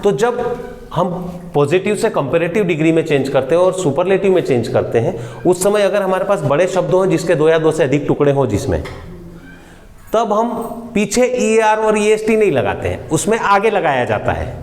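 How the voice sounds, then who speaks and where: A man's voice: high voice, sing-song, normal speed, darkish tone. A man teaching an English grammar class to students, asking them questions and repeating words back to them. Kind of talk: classroom lesson explaining grammar. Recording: echoey room with long reverb.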